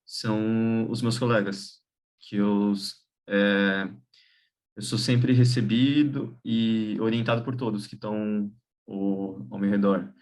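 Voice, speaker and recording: A man's voice: fairly low pitch, fairly even intonation, takes it slowly, darkish tone. A man from Brazil, a teacher speaking casually and a bit hesitantly in a training talk. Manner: casual, hesitant, laughs at himself.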